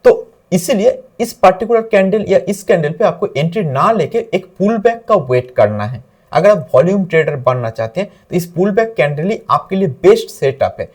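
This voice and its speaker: Guy with a husky, slightly high voice explaining trading charts, mixes in english words. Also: big pitch swings, normal speed, hardly any pauses. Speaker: trading instructor.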